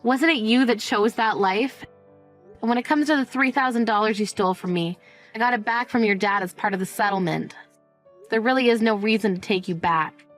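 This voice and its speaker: Playing a smug, unsympathetic middle-aged mother, a woman tells a dramatized story in the first person with cold sarcasm and dismissiveness. She speaks fairly quickly at a medium pitch, sounding close to her everyday voice, over soft background music.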